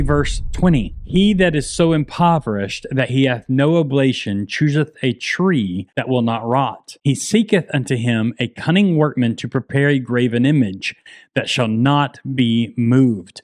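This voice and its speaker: A man presents a scripted explainer as a video host, in a mid-pitched voice with a very dry, echo-free sound. His delivery is emphatic and sarcastic, leaning on rhetorical questions as he debunks claims. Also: darkish tone.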